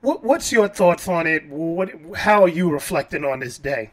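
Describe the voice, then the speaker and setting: Measured male radio host. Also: fairly high pitch, expressive, a bit bright. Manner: measured, with thoughtful pauses. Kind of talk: radio interview.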